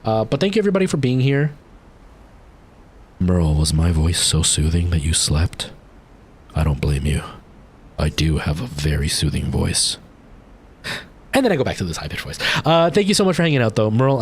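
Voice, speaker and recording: Wrapping up a game stream, a young man chats casually with viewers, rambling through plenty of fillers and restarts. He talks a little fast with frequent pauses and a breathy edge, his voice jumping higher when he gets excited.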